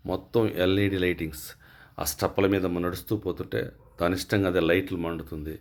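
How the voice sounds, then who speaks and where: A man with a very low voice talks straight to the camera as a real estate agent. He repeats his pitch and asks viewers to call him. His delivery is direct and salesy. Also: steady tone, quick pace. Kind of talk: property tour vlog.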